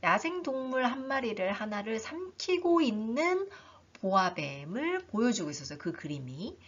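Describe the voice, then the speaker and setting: Lively woman teaching English reading. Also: on the high side, normal speed. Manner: animated, talks herself through learners' questions. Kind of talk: online reading lesson. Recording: dull lo-fi recording.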